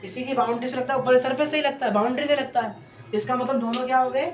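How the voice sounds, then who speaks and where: A woman's voice: high-pitched, steady tone, fast. A woman chemistry teacher giving an exam-prep lecture, asking questions and answering them herself while repeating key terms. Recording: echoey room, distant mic, background music.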